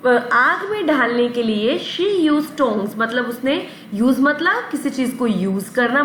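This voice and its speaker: A woman's voice: high-pitched, a bit bright, echoey room, slight background noise. A woman teaching words to children, asking questions and answering them herself. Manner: repeats questions and answers, coaxing. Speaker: English teacher. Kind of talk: vocabulary lesson for children.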